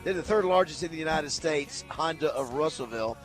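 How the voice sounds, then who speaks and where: A man with a fairly high voice hosts a morning radio show. He chats casually and haltingly, with music clearly audible behind him. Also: low-quality recording.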